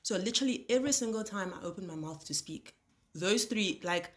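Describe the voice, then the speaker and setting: A young Nigerian vlogger with a Nigerian English accent and Igbo as her first language rants casually to the camera while cooking in her home kitchen. Her medium-pitched voice is brisk, and she tells lively stories, mimics how words are pronounced, and throws in rhetorical questions.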